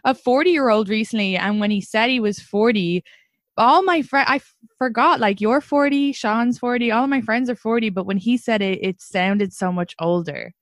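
A woman's voice: on the high side, moderate pace, dry recording, clean studio sound. A woman in her thirties hosting a podcast, chatting casually, candid and giggly, with some swearing. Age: 30s. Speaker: podcast host. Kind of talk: casual chat.

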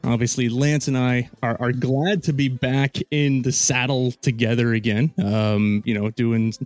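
A man's voice: medium pitch, fairly even intonation, a little slow, darkish tone, faint music behind. A man hosting a podcast, chatting casually with guests in a loose, rambling way full of ums and restarts. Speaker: podcast host. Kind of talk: casual interview chat.

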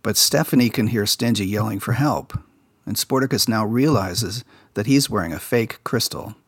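A man's voice: fairly low pitch, normal speed, slightly rough, no room sound, clean studio sound. A man hosting a podcast, casually recapping a children's TV episode and sharing behind-the-scenes production stories. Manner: relaxed insider storytelling, recounting production details.

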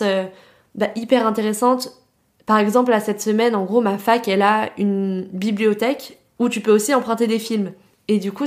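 A woman's voice: mid-range voice, a little mellow. A young woman from France hosting a casual solo podcast, talking in a chatty, slangy way full of filler words. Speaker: podcast host.

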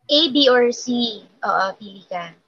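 A woman's voice: medium pitch, animated, a little slow, creaky, a bit bright, slightly rough, dull audio. A woman hosting a live stream, giving tarot readings in casual, laughing chat that mixes Tagalog and English.

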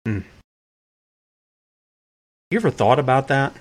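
A man's voice: mid-range voice, sing-song, slow. A man preaching in a sermon-style podcast, earnest and emphatic, with plainspoken, folksy phrasing and repeated key lines for weight. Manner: earnest and emphatic, pressing his points hard.

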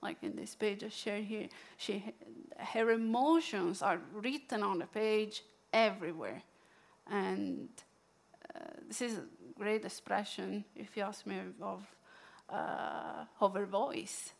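A woman with an Italian accent shares books and reads a poem aloud. She speaks slowly and hesitantly, with many ums and restarts, at a mid pitch. Her talk is unscripted and personal. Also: creaky. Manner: halting, many fillers and restarts. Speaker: book presenter. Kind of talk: casual book sharing with a poetry reading.

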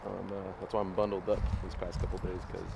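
A gravelly, low voice with a flat delivery comes from a man talking fast to camera on a city-street walk while his voice goes. His casual, rambling motivation stays upbeat despite the noisy outdoor recording.

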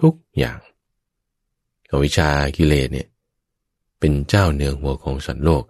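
A man preaching a Buddhist sermon to his listeners, telling it in a lively way with vivid sound words and playful asides, and often speaking straight to the audience. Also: a bass voice, normal speed, vocal fry, husky, no room sound, studio quality. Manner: keeps addressing the listeners directly.

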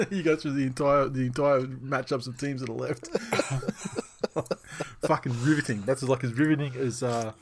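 A man with an Australian accent hosts a casual podcast over faint noise. He rambles, doubles back on his phrases and swears freely in a mid-pitched voice. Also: steady tone, unhurried. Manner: rambling, repeats and rephrases himself. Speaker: podcast host. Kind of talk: casual banter, heavy swearing.

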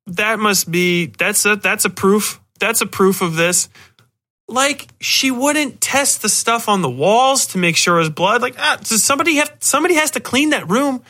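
With a high-sitting, pushed and bright voice, a male podcast host delivers a loose, meandering review. He sounds sardonic and fed up, and he performs lines in a mocking way.

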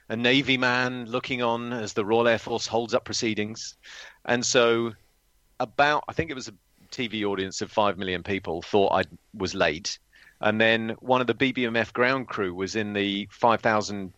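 A man's voice: on the low side, a bit bright, dry recording. A man who is a former display pilot, telling flying stories on a podcast with dry, teasing banter. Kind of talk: casual podcast chat. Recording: dull lo-fi, dry sound.

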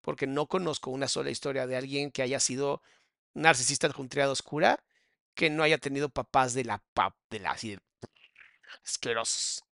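A man's voice: mid-range voice, normal speed, vocal fry, bright, forceful tone, smooth, no room sound, studio quality. A man, a psychologist, commenting casually on a clip and answering viewer questions in a familiar, affectionate way. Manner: casual, calls listener mi amor and bebé. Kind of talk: reaction commentary.

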